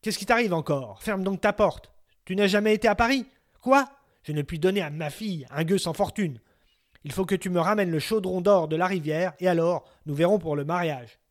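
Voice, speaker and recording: A man's voice: high-pitched, moderate pace, natural voice. A man voicing a greedy, surly old king in a storybook tale, speaking coldly and with scorn. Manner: cold, scornful.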